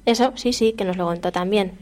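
A woman's voice: mid-range voice, fairly quick, darkish tone. A woman hosting a local radio program, chatting casually and prompting her co-hosts with questions. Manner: prompting, asks guests questions. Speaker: radio host.

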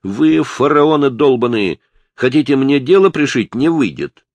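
A cocky young man sneers and talks back in a lively, jumpy voice. A male narrator voices him in the audiobook, and the sound is dry and close. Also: mid-range voice, measured pace, no room sound, voice pushed up. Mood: defiant. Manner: mocking, belligerent street talk. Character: brash defiant young man, cocky and rude.

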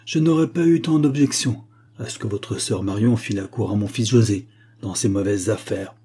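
A man's voice: fairly low pitch, moderate pace, mellow, breathy edge. A man playing a sly, greedy old village man with a wheedling manner.

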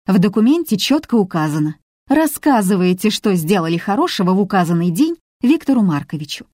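A hot-tempered woman heir lectures the room in sharp, clipped terms, voiced by the reader. The part is pushed well above the reader's low voice. It is recorded dry and close. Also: big pitch swings, fairly quick, no echo. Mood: flaring, stern.

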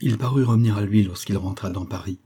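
Lecteur masculin, roman classique, voix sombre, lecture expressive et mesurée. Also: male voice, on the low side, breathy edge. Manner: measured, expressive literary reading. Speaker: narrator. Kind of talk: audiobook reading of a classic novel.

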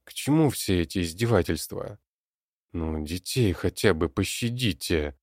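A man's voice: sits low, expressive, a little slow, no echo, studio quality, full character voice. A man voicing an old man who pleads earnestly, in an audiobook. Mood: pleading.

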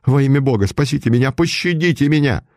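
A man's voice: medium pitch, wildly swooping pitch, takes it slowly, creaky, darkish tone, slightly rough, dry recording, studio quality, exaggerated voice. A man voicing a condemned young count, pleading and cursing his executioners in a raised, strained voice.

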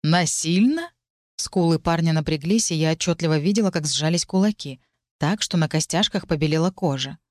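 Woman narrating an audiobook, low voice. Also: fairly quick, a little mellow, no room sound, clean studio sound. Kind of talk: first-person fantasy audiobook narration.

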